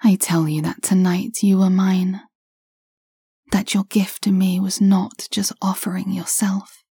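A woman narrating an audio story to the listener in a soft, slow, intimate whisper. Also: mid-range voice, little pitch movement, slightly rough, no echo, clean studio sound.

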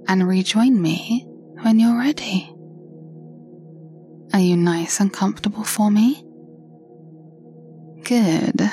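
Female voice for ASMR role-play: breathy, seductive, unhurried soft voice right in your ear, close mic, soft music underneath. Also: medium pitch. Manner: slow, seductive, teasing. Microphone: close to the mouth, made for headphones.

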